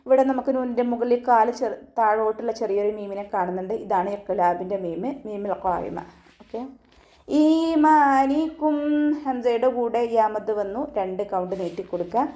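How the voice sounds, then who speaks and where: A woman's voice: mid-range voice, steady tone, mellow, muffled recording. A woman teaching Quran recitation rules step by step in a patient, instructive way. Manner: patient step-by-step instruction, ends lines with "kettō"; slow drawn-out chanted recitation of verses. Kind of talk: tajweed lesson, explaining and reciting.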